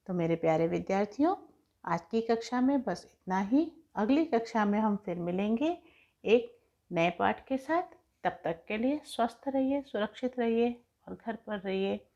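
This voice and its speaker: A woman teaching young children in an online class lesson, explaining each point slowly and patiently. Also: fairly high pitch, lively intonation, mellow, muffled recording. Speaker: school teacher.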